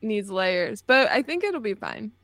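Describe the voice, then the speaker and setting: A woman chatting on a casual podcast, laid-back and deadpan in her jokes. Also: mid-range voice, measured pace. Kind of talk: casual chat.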